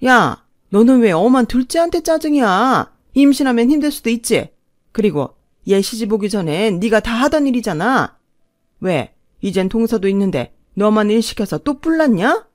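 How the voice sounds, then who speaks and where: A high, shrill older mother-in-law, quick to explode and just as quick to fuss, voiced by a woman. Her voice rides loud and sharp. The recording is close and dry. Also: sing-song, dry recording. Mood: angry. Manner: shrill, shouting, gushing.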